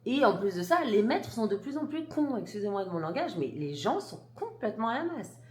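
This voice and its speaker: A woman's voice: medium pitch, very animated, a little fast. A mother vlogging to camera, telling a story emphatically and indignantly, with restarts and blunt words. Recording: roomy echo.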